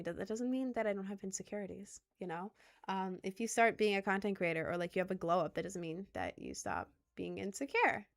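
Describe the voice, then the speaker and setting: This content creator, a young woman in her twenties from Maryland, USA, has a medium-pitched voice. She rambles through a casual livestream chat with viewers, often at her own expense, in a light Southern accent mixed with New York.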